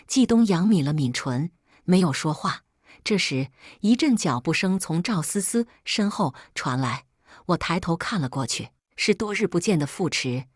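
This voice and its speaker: Low husky woman narrating a story. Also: lively intonation, normal speed, no room sound, studio quality. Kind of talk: scripted first-person story narration.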